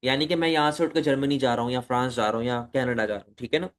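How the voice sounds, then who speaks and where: A man's voice: medium pitch, steady tone, very fast. A man giving an economics lecture, talking to students as "beta", asking rhetorical questions and mixing in English terms. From Pakistan. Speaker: economics teacher. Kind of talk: recorded lecture.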